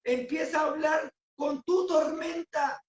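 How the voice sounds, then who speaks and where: Impassioned high-voiced woman preaching. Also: steady tone, slow pace, roomy sound. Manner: impassioned, rising to shouts on key phrases. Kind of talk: sermon.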